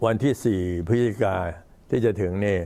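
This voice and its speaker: Older male monk, low-pitched old man's voice, halting and unhurried, informally recounting temple history. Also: dark tone. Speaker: Buddhist monk addressing temple visitors.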